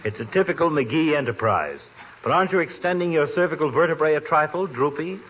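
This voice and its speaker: An actor playing a sardonic, pompous doctor with dry wit and ornate wording in a 1940s radio comedy. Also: male voice, fairly high pitch, animated, fairly quick, lightly acted. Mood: mocking, exasperated. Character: sardonic, wordy doctor trading insults. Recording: noisy, muffled 1940s radio recording.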